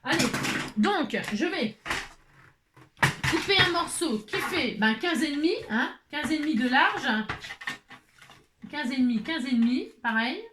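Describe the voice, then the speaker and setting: A woman's voice: high voice, animated, a little slow, pauses often, a bit bright. A woman hosting a casual crafting tutorial, chatty and exasperated, constantly adding "hein". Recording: echoey room, faint noise.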